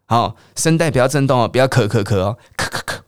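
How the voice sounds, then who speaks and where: A man teaching English pronunciation on a radio lesson, spelling out letters and repeating each word slowly for listeners to say aloud. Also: mid-range voice, expressive, clean tone, dry recording, clean studio sound. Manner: drills words slowly and repeats them.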